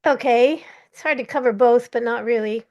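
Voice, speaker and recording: Older woman, podcast guest, slightly high voice, direct and plainspoken. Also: normal speed, dark tone, highs cut off. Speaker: interview guest, marketing leader. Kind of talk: casual interview chat.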